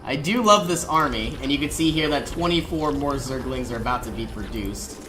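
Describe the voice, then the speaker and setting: A casual gamer narrates a strategy walkthrough in a mid-pitched voice. Game sounds and noise run clearly behind the commentary. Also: normal speed. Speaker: gameplay commentator.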